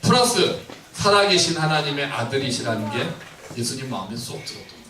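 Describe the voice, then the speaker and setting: Brief: bright-voiced male preacher, playful and questioning, heard from a distance in a reverberant sanctuary. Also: medium pitch, big pitch swings, quick pace. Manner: playful, questioning, acts out the scripture scenes. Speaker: pastor. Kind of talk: lively sermon to a congregation with children. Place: church sanctuary. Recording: roomy church hall, mic at distance, faint noise.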